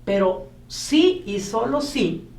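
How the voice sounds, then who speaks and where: A woman moderating a political panel discussion in a measured, steering way. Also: fairly high pitch, very animated, vocal fry, a little mellow, a little hiss or hum. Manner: measured, steering the talk, frequent backchannel. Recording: roomy echo, a bit far from the mic.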